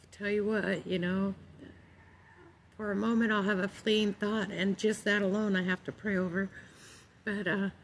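Middle aged lady just chatting to her phone outside, calm n gentle, bit of background noise. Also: mid-range voice, low-quality recording. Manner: calm, gentle, unhurried delivery. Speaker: vlogger sharing her faith. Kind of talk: casual devotional chat to camera. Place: outdoors in a park among trees. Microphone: phone at arm's length.

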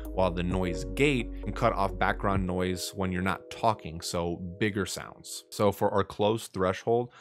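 In a cramped, dimly lit bedroom studio bathed in blue light, a young man with a low voice explains software settings for a screen-recorded tutorial. He's a streaming tutorial creator, giving steady step-by-step directions into a studio mic on a boom arm.

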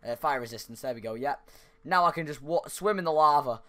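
Pitched a little high and sharp in tone, this young man talks fairly fast as he narrates gameplay for his YouTube channel. He's close to a desk microphone, chatting away and letting out yelps and laughs at every mishap.

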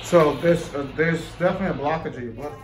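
A man working as a foot doctor, calmly explaining exam findings to a patient in a clinic. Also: fairly high pitch, fast, noisy background. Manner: calm, explains findings plainly. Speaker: podiatrist.

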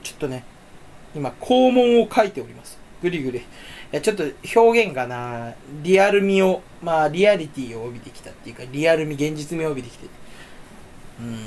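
A young man talking to himself while he browses at his home computer. His voice sits a bit high and leaps up and down all the time, and faint background noise runs under it. He rambles and mocks himself. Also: expressive, a little fast, darkish tone. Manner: rambling self-talk, jumpy and self-mocking. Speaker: video creator. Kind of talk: casual solo chat while browsing online. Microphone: desk or headset mic, face on camera.

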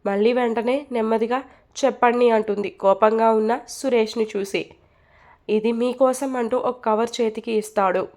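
Higher, gravelly woman storyteller. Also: steady tone, normal speed, darkish tone. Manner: reads all parts, lightly acting dialogue. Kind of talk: scripted narration of a romance story.

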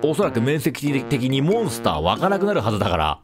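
Guy doing lets play commentary, voice jumps all over, freaks out a lot, faint game music behind. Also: medium pitch. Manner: excitable, panicky shouting and fast repeated exclamations; playful self-introduction with a mock-dramatic recap. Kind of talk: casual gameplay commentary.

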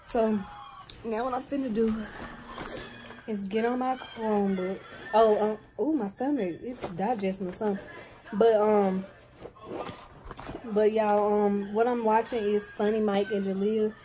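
Young woman, late teens, casual vlog chat, slangy, mellow voice, faint background noise. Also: mid-range voice, fairly even intonation, measured pace, long pauses. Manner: chatty, slangy, talks straight to viewers. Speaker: vlogger.

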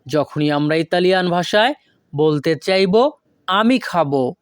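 Patient online tutor, unhurried and methodical, recorded dry and close. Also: medium pitch, animated, smooth, no room sound. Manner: deliberate, repeats each foreign phrase slowly, asks and answers own questions. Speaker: language teacher. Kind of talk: online language lesson.

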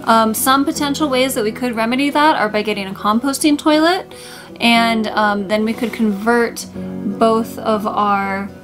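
A woman's voice: a little high, steady tone, a little slow. A woman in her thirties chatting casually to camera as a vlog co-host inside a small trailer. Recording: soft guitar music behind the voice.

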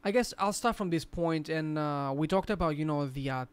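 Male podcast host, slightly high, clean voice; rambling explainer, casual. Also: moderate pace, clean tone.

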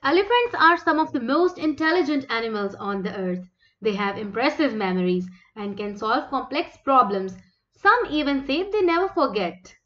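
A woman's voice: high-pitched, expressive, moderate pace, fairly bright tone, lo-fi sound. A woman reading scripted nature documentary narration for children in a presentational, explanatory manner. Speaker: narrator of a children's educational animal video.

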